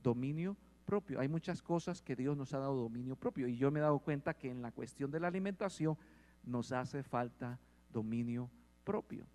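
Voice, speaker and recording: A man preaching a sermon, asking the congregation questions and growing louder at points. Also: mid-range voice, moderate pace. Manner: asks the congregation questions and swells in volume. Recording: long hall reverb.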